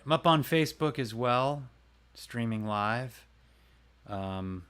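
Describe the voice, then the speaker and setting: A man with a lowish voice hosts a casual livestream and talks into a close desk mic. He rambles in an easy, chatty way and drifts between topics while addressing viewers by name. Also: a bit bright. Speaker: livestream host and voice actor.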